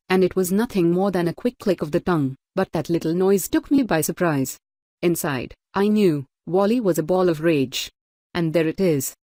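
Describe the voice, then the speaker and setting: A woman narrating a novel in first person, measured and steady. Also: on the low side, no echo, studio quality. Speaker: audiobook narrator. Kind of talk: scripted audiobook narration.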